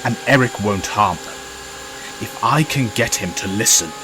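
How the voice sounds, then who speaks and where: An actor playing a calm, resolute middle-aged professor in an audio drama, earnest and authoritative. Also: male voice, lowish voice, moderate pace, background noise, lightly acted. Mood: grave, earnest.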